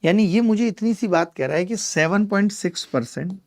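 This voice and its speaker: A man's voice: high voice, animated, a little fast. Male maths tutor for a live class. Chatty, teases students by name, explains step by step. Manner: explains step by step, repeats key numbers. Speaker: maths teacher.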